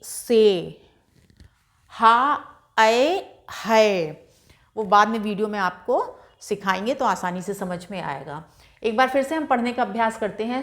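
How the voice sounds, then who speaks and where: A woman's voice: fairly high pitch, fairly bright tone. A woman teaching Hindi reading at a board, spelling out each syllable patiently and repeating words for beginners, with an Indian Hindi accent. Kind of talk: slow board lesson, syllable by syllable.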